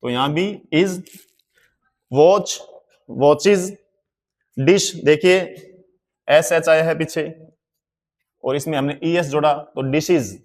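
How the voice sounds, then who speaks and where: A male teacher giving a classroom-style language lesson, spelling words letter by letter and explaining slowly and deliberately. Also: a little high, darkish tone.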